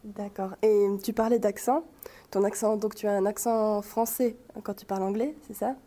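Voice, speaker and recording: A woman interviewing students on the radio, asking gentle questions. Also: medium pitch, fairly even intonation, normal speed.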